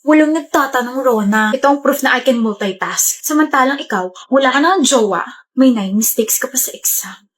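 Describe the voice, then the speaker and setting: A woman's voice: sits high, a little fast. A young Filipina woman, acting in a comedy skit and teasing and bickering with a friend.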